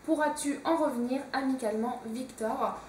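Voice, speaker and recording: A woman's voice: high-pitched, normal speed, darkish tone, recorded from a distance, a little hiss or hum. A young woman chatting casually as a book vlogger, hesitant and full of fillers. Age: young adult. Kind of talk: casual chat. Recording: echoey room, a bit off-mic.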